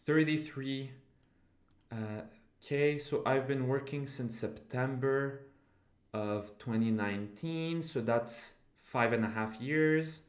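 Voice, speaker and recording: A man in his twenties live-streams from a room at home, chatting casually and answering his chat in a rambling style full of fillers and swearing. His mid-range voice moves slowly and sounds reverberant.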